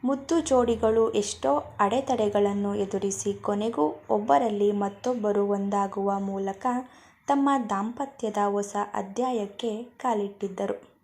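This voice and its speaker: A woman reading a romance story aloud as a gentle storyteller, in scripted narration. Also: mid-range voice, measured pace.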